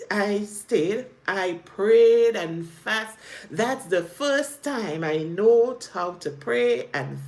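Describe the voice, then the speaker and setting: A woman sharing a personal testimony in an earnest, faith-filled way, retelling events dramatically. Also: medium pitch. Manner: animated, dramatic retelling with acted quotes.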